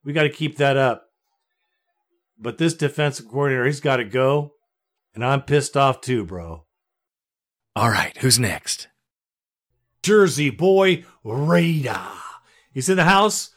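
A man's voice: mid-range voice, lively intonation, unhurried, pauses often. An American man hosting a sports fan podcast, talking in a blunt, exasperated, slangy way. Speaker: podcast host.

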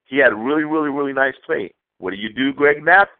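A man's voice: mid-range voice, fast talker. Angry man ranting as a phone-in caller. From Southern California. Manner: angry profane rant. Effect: call-in phone line. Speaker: radio show caller. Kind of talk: ranting call-in message. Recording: tinny phone line.

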